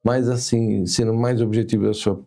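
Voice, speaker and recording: A Brazilian man with a gravelly, dark voice explains medical details. He is careful and hesitant, often restarting his sentences to find the right term. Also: fairly low pitch, fairly even intonation, normal speed. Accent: Brazilian Portuguese. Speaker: physician guest.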